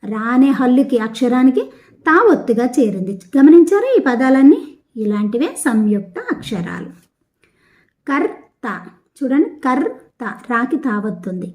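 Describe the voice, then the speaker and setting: A woman from India's Telugu-speaking south explains a textbook exercise in a classroom language lesson, moving slowly and deliberately through each word and repeating its syllables so pupils can follow. Her voice is a little high, animated and dark in tone.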